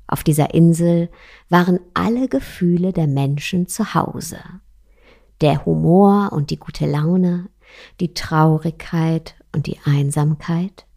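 A woman telling gentle storybook tales in a soft, partly whispered voice. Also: deep voice.

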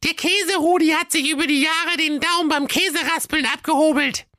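A man voicing a young girl detective, bossy and triumphant, in a squeaky falsetto. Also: steady tone, brisk, dry recording, clean studio sound. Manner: squeaky falsetto, sharp and commanding.

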